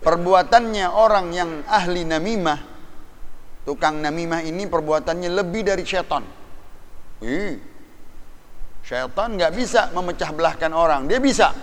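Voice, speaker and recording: A man's voice: high-pitched, a little slow, long pauses, in a large hall. A man preaching a sermon, telling stories animatedly and quoting Arabic sayings. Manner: animated, colloquial storytelling with Arabic quotations.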